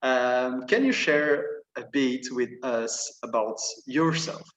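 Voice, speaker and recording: A young man, a student, interviewing a guest with polite, somewhat halting and formal questions. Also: mid-range voice, fairly bright tone, lo-fi sound. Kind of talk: conversational interview. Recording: echoey room, distant from mic.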